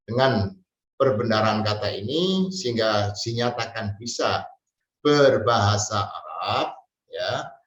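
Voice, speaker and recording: A man gives a spoken language lesson, explaining step by step and often restarting words mid-phrase. His voice sits at an ordinary pitch. It is picked up from a distance in an echoey room on muffled, lo-fi audio. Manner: explains slowly with frequent restarts and repetitions. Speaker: Arabic language teacher. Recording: distant roomy lo-fi recording.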